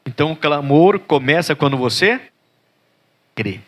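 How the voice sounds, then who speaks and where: A man's voice: a little high, lively intonation, a little slow, fairly bright tone. A male pastor with a Brazilian Portuguese accent preaching a sermon, dramatically acting out the voices of biblical figures and rising to pleading cries.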